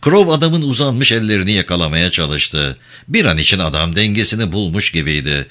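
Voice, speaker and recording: Lively low-voiced male audiobook narrator. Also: brisk. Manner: expressive, dramatic. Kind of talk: dramatic audiobook reading.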